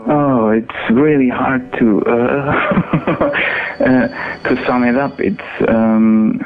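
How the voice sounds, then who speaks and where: A man calling in over the phone, speaking hesitantly with many pauses and fillers. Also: mid-range voice. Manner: hesitant, halting, full of fillers. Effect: heard over the phone. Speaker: caller. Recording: tinny phone line.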